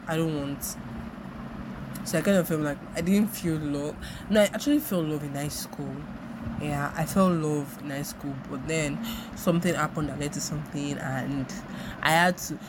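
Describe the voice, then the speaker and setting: On her own podcast, a young Nigerian host speaks in a casual, wandering monologue, reflecting aloud and frequently going back over the same points. Her voice is deep, her accent Nigerian, and there's noise in the background.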